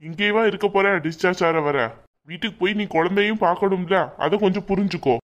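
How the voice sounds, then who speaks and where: A woman voicing a calm, patient young husband lying injured in a hospital bed, in a cartoon. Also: medium pitch, brisk, lo-fi sound, lightly acted. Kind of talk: cartoon voice acting.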